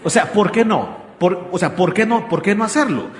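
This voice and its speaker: A man's voice: high voice, expressive, normal speed. A man preaching about marriage in a church talk, asking many questions and shifting his pace. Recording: echoey hall with long reverb.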